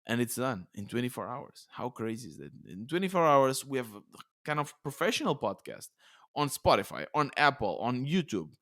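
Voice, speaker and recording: A man with a Portuguese accent hosting a solo podcast, talking in a chatty, excitable way with many restarts. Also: medium pitch, moderate pace. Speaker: podcast host. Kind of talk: casual solo podcast monologue. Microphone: podcast studio mic.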